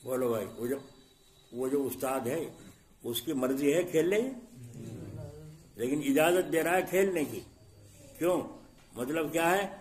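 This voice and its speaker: Middle-aged male preacher, fairly high voice, sermon delivered with rhetorical questions and sudden loud bursts. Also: pauses often. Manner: rhetorical questions to the congregation, acts out scenes with sharp shifts in loudness. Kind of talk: Islamic sermon.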